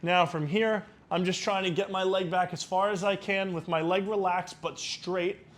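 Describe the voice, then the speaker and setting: A man guiding exercises as a mobility instructor, explaining each step in a careful, unhurried way. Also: sits high, fairly even intonation.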